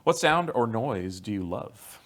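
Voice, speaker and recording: A man hosting a podcast, asking rapid interview questions with upbeat, short interjections. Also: lowish voice, animated, fairly bright tone. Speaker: podcast host. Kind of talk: quick-fire interview questions.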